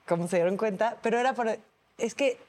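A Mexican woman in her thirties on a talk show panel, telling personal stories in an animated way and acting out the voices she quotes. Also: medium pitch, fairly quick. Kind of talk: casual chat.

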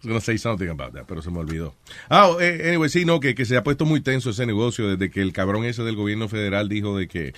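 A man's voice: fairly low pitch, fast talker, dry recording. A man hosting a casual talk show, joking and mixing with English. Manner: joking, mixes Spanish and English, lively. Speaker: host.

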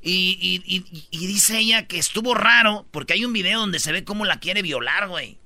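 Slangy radio host with a very bright voice. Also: male voice, sits high, moderate pace, no echo. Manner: slangy, storytelling, playful. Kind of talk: joking radio banter.

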